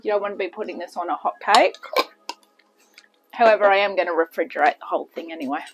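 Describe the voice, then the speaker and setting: A home cooking channel host chats her way through a casual kitchen demo, poking fun at herself and wandering into side stories. Her voice is on the low side and fast, and the recording is muffled with background noise.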